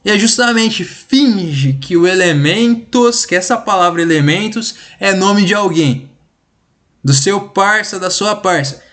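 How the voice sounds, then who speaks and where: In a laid-back online lesson, this male Brazilian literature teacher speaks Brazilian Portuguese in a fairly high voice, a little slowly. He's informal and full of slang, constantly tossing in "beleza?" to check on his students.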